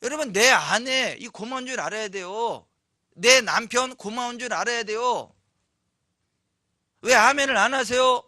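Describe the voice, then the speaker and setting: A man preaching a Sunday sermon, telling a story with lively acted-out voices and questions to the congregation. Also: very high voice, dry recording, clean studio sound. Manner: animated storytelling, acts out quoted voices, asks the congregation questions. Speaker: pastor. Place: church sanctuary.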